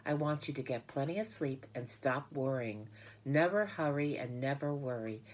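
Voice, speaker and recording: A woman voicing a motherly female spider who is calm, wise and protective, speaking with firm reassurance. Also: rumbling low, moderate pace. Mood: gently firm.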